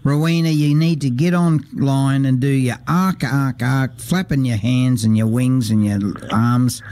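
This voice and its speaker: A man's voice: mid-range voice, fairly even intonation, a little slow, warm tone. A man with an Australian accent hosting a radio show, joking around and tossing in "mate" often. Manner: jokey, interjecting, calls people mate. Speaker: radio host. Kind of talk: casual radio chat.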